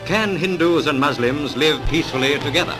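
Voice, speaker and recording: A man's voice: on the high side, a little fast, a loud crowd. A man narrating an old 1940s newsreel clip with a dramatic announcer delivery. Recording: newsreel narration over loud music.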